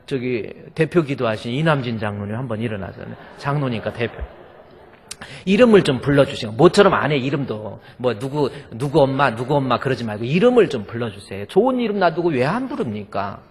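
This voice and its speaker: A man's voice: medium pitch, animated, brisk, slight background noise. A male pastor preaching a sermon in a church, folksy and joking with the congregation. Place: church sanctuary. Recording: long hall reverb.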